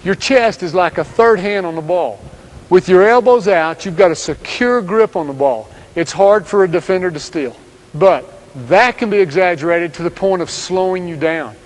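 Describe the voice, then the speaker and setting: A man giving scripted instructional narration as a basketball coach, speaking in steady, direct commands. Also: high-pitched, moderate pace, poor audio.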